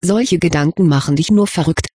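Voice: medium pitch, fairly quick, mellow, breathy edge, no echo, studio quality, lightly acted. A reader voicing a caring but decisive teenage schoolgirl, in a storybook reading. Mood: firm.

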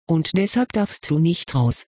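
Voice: mid-range voice, lively intonation, measured pace, darkish tone, dry recording. Practical schoolgirl witch in a storybook, dry and to the point, read by the narrator. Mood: matter-of-fact. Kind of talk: audiobook reading.

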